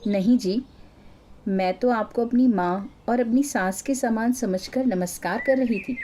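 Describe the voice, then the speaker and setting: A woman voicing a humble, gentle young married woman who speaks politely and softly. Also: on the high side, measured pace. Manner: polite, soft-spoken, humble.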